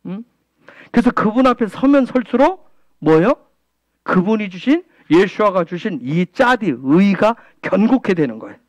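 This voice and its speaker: A man's voice: high voice, sing-song, moderate pace, dry recording, muffled recording. A male pastor preaching a sermon, firing off rhetorical questions at the congregation and repeating key phrases for emphasis. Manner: keeps asking rhetorical questions and prompting the congregation with "응?".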